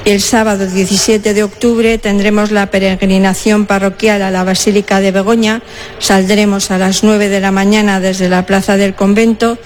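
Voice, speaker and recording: A woman with an accent from Spain reads parish notices aloud. Her formal, orderly delivery stays flat at a medium pitch, with faint-to-clear ambient noise around her. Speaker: parish announcer. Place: church during Mass.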